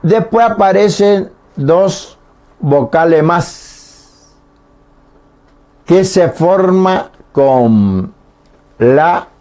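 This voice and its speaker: A man's voice: high-pitched, lively intonation, darkish tone. A man teaching a Guarani language lesson on the radio, explaining patiently and sounding out each vowel. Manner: slow, patient explanations, demonstrating sounds aloud. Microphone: radio studio microphone.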